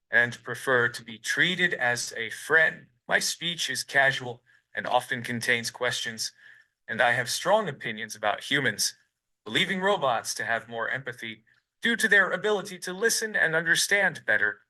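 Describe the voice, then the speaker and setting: A computer-generated male robot voice gives long, evenly built answers in an interview. Its tone is strongly bright and sharp, and its phrasing sounds stiff and scripted. Every line keeps the same synthetic robot sound. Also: mid-range voice, poor audio.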